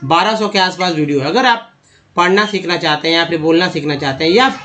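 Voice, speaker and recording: A man's voice: a little high, fairly quick, pushed and bright. A man giving an English pronunciation lesson in Hindi, explaining patiently and often restarting or repeating himself as he addresses viewers as friends. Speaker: English teacher.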